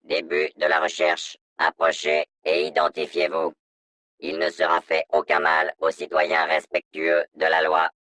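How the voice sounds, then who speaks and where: An actor voicing a stern male security robot in a video game, through a robotic voice filter, in a flat, monotone, announcement-like delivery. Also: sits low, no room sound, heavily acted. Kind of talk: video game dub dialogue lines.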